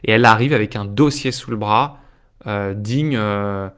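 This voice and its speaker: A man giving a live-streamed motivational talk as a life coach, talking spontaneously with frequent hesitations and asides to viewers, slowing down to stress key phrases. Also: lowish voice, a bit bright, clean tone.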